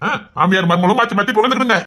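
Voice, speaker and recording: A woman's voice: medium pitch, very fast, bright, forceful tone, voice pushed down. A woman voicing a playful older father-in-law who teases his wife, with a Tirunelveli Tamil accent. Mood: teasing. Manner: teasing, chuckling. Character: teasing old father-in-law, playful and fond.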